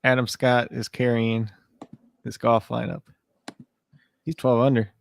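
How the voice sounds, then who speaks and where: A man from Illinois co-hosting a fantasy sports show in relaxed, chatty talk that often trails off mid-sentence. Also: medium pitch, measured pace, vocal fry, dry recording. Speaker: fantasy sports podcast co-host. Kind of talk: casual chat.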